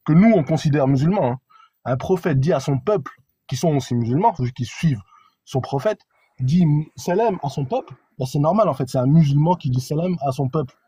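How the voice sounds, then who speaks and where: Male caller, husky and mellow, insistent and lecturing. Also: fairly high pitch, lively intonation, a little fast, no room sound. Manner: insistent, lecturing, repeats himself. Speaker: caller in a debate. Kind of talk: heated live debate.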